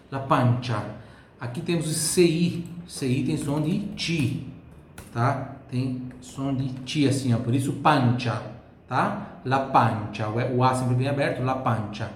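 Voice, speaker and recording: A man with a Brazilian Portuguese accent teaches an online language lesson. He repeats words slowly and tags his explanations with quick checks. His voice sits at a middle pitch and sounds roomy, with faint ambience underneath. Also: a little hiss or hum. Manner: slow drilled repetitions, frequent "tá?" and "né?" checks. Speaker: Italian teacher. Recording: echoey room, faint ambience.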